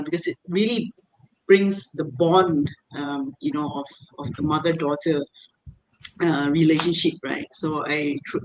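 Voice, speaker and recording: A woman's voice: low voice, darkish tone, low-quality recording. Hesitant middle-aged woman guest. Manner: hesitant, many fillers like uh and um. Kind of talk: casual self-introduction.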